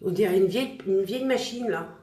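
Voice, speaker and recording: A woman's voice: mid-range voice, brisk, dark tone, roomy sound. A woman chatting casually with viewers while she demonstrates a makeup look, joking about herself as she works. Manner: chatty, self-mocking, talks to viewers while applying makeup. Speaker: makeup vlogger. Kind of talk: casual makeup tutorial livestream.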